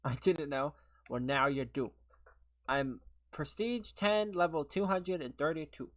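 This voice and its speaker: Streaming a game while a bit under the weather, a sniffly man talks to his viewers in a loose, rambling way, laughing as he answers them. His voice is fairly high and fairly bright, and he speaks a little slowly.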